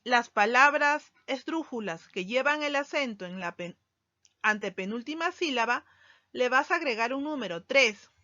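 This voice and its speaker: A woman teacher giving a recorded grammar lesson, speaking slowly and deliberately and stressing key words. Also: a little high, expressive, bright, forceful tone, dry recording. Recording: dull lo-fi sound, dry.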